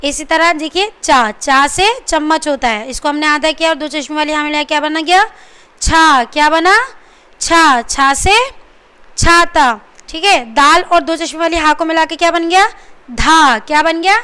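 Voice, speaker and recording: A woman's voice: high voice, normal speed, pushed and bright. A woman teaching beginners to read a script, asking questions and answering them herself while drilling syllables one by one. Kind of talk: classroom-style lesson for beginners.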